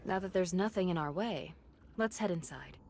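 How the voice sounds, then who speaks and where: In a scripted video game cutscene, a woman with a lowish, lively voice plays a confident, businesslike investigator with a dry edge, sounding matter-of-fact and self-assured. She talks at a normal speed over a noisy background.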